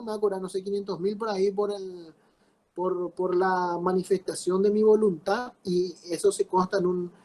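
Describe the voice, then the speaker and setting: A man's voice: high voice, darkish tone, low-quality recording. A man teaching a class, explaining with repeated rhetorical questions. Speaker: law teacher. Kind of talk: class lecture.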